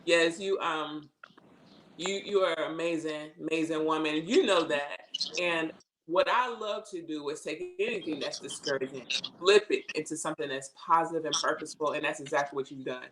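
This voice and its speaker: A woman's voice: sits low, moderate pace, fairly bright tone. Emphatic woman hosting over noisy call. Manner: emphatic, repeats words for stress. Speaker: podcast host. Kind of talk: live podcast interview.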